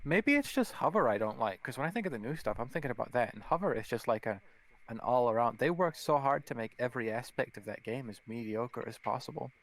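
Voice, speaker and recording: A man's voice: mid-range voice, lively intonation, fast, fairly bright tone, rough recording. A man co-hosting a casual podcast, rambling, swearing and laughing often. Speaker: podcast co-host. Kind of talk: casual chat.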